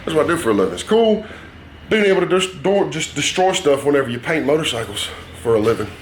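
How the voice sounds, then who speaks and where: A man's voice: fairly high pitch, big pitch swings, quick pace. A talkative man with a Southern US hillbilly drawl gives a casual, folksy, rambling hands-on tutorial in a workshop. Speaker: motorcycle painter and builder presenting a how-to. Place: dingy workshop. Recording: noisy workshop ambience.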